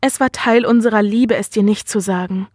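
A woman voicing a gentle, caring mother. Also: mid-range voice, a little fast, no echo, studio quality, close to an everyday voice. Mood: tender.

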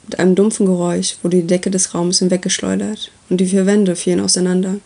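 A woman reading a story aloud as its narrator, with steady, even delivery. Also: fairly low pitch, fast talker, creaky.

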